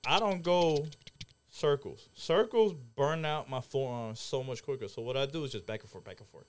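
A man's voice: medium pitch, normal speed. A man who has worked as a cook, telling stories in a casual, slangy and profane way. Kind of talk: casual chat.

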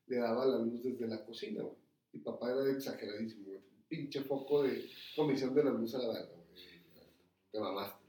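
Recorded with a distant mic and roomy echo plus slight background noise, a medium-pitched man with a Mexican accent tells a story in casual chat among friends on a podcast. He curses freely and caps almost every phrase with slang.

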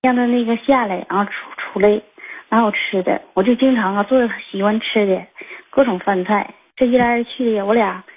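Over a tinny phone line, a young woman in her twenties tells a rambling personal story packed with fillers and restarts. She speaks a little fast in a husky, mid-range voice.

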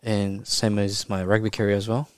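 Male guest from Japan, native Japanese speaker, low voice, dry close sound, halting casual talk peppered with Kiwi slang. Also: little pitch movement, smooth, dry recording. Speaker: podcast guest, rugby player. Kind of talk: casual interview chat.

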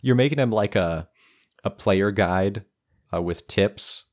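A man's voice: lowish voice, slow pace. A man running a tabletop game as game master, chatty and laughing often.

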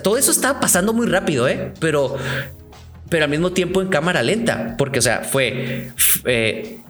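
A young Mexican man with a slightly high voice spins a casual storytime in an animated, slangy way, tripping over restarts as he goes. Soft music plays faintly underneath. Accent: Mexican Spanish.

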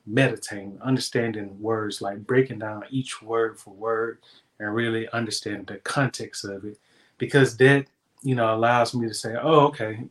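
Upbeat man giving a devotional. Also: mid-range voice. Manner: upbeat, encouraging, loose and conversational. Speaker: devotional host. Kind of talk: casual devotional talk.

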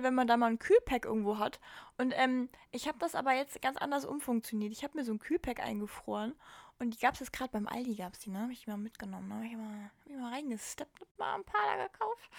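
A woman in her twenties co-hosting a podcast, telling stories in a casual, lively way and laughing often. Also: high-pitched, gravelly, no room sound. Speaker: podcast co-host. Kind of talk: casual chat.

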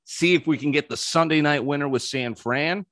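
A man's voice: fairly high pitch, normal speed, fairly bright tone, no room sound, studio quality. A man hosting a sports betting podcast, running through picks in a casual, opinionated way with frequent ums.

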